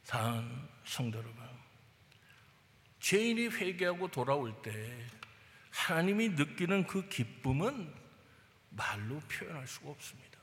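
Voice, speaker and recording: A male pastor preaching a sermon to his congregation, animated, swinging between loud emphasis and hushed asides. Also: fairly high pitch, unhurried, a little hiss or hum. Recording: long hall reverb.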